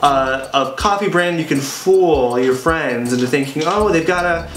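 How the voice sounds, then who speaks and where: A young man co-hosting a casual comedic chat at home, rambling with playful deadpan banter. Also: on the high side, measured pace, reverberant, faint music behind. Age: young adult. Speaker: co-host. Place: home kitchen, indoors.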